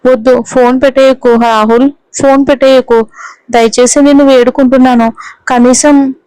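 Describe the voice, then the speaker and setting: A woman's voice: sits high, steady tone, normal speed, dark tone, clean tone, dry recording, close to an everyday voice, low-quality recording. A woman voicing a pleading young wife. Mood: desperate. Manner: pleading, tearful urgency.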